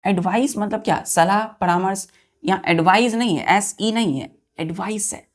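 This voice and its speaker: A woman teacher leads an exam-prep grammar lesson at a middle pitch. She spells words out one letter at a time, repeats each key term, and keeps turning to her students with quick questions. She addresses them as children.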